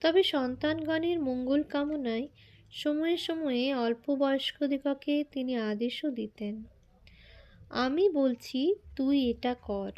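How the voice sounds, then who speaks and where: A woman reading a biography aloud in formal prose, slow and measured, with quoted lines spoken in a more everyday tone. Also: sits high, darkish tone, dull audio. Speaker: reader.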